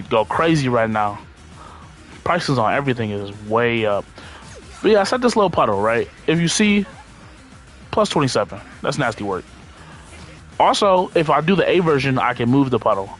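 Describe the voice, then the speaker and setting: A man's voice: medium pitch, expressive, normal speed. Laid-back, slangy man over music. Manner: rambling, thinking out loud while playing. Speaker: game streamer. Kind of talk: casual gameplay commentary.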